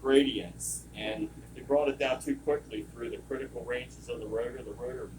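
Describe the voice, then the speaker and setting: A service technician running a hands-on training session explains equipment in an informal, rambling way, drifting off on tangents. His voice is medium-pitched and steady at a normal speed. The distant mic picks up loud compressor and vacuum pump noise from the lab machinery running in the room.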